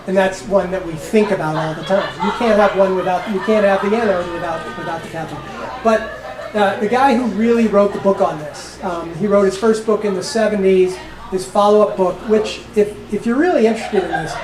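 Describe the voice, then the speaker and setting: A woman in her sixties, a coach, gives a casual talk to a small audience, full of chatty, laughing asides while she loses her voice. Her mid-range voice sounds far from the mic in an echoey room with audience noise.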